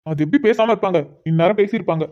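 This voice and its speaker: A woman's voice: mid-range voice, rapid-fire, highs cut off, lightly acted. A woman voicing a young man, a protective elder brother who talks in a heated, insistent way, in a cartoon. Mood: angry. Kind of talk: cartoon voice acting.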